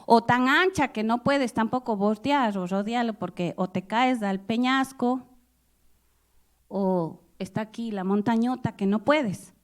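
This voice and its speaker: A woman preaching a sermon to a congregation, expressive and personal, asking her listeners questions and dramatizing the scriptures she reads. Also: fairly high pitch, unhurried. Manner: expressive, acts out Bible quotes with loud outbursts.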